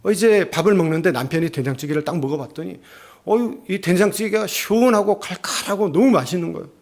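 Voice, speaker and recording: A man's voice: high voice, quick pace, darkish tone. A male pastor giving a sermon, telling a family story and acting out its voices. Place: church.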